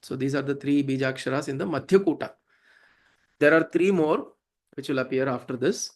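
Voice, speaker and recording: A mid-range male voice, speaking a little fast with a South Indian accent, explains devotional verses. He teaches Sanskrit devotional hymns in an informal, instructive way, with frequent questions checking in on his listeners.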